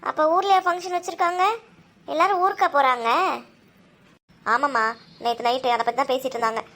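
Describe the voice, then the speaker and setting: A woman's voice: fairly high pitch, level tone, rapid-fire, pushed and bright. A woman voicing a curious young girl who stammers and coaxes her mother in a cartoon. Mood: coaxing. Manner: hesitant, stammering when caught.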